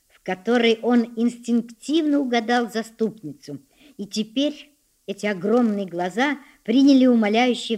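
Expressive woman reading a classic story. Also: medium pitch. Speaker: narrator. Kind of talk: audiobook reading of classic prose.

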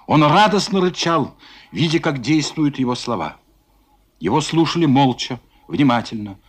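A man narrates a novel in a dramatic, expressive manner. His voice sits a little high and moves through a wide, lively range. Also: moderate pace. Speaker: audiobook reader.

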